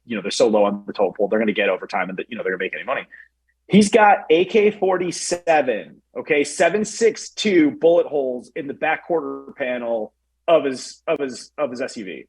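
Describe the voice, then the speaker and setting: A guest commentator from the Chicago area speaks in a mid-range, slightly rough voice on a rough recording. Chatting casually on a talk show, he tells animated stories packed with fillers and acts out what people said.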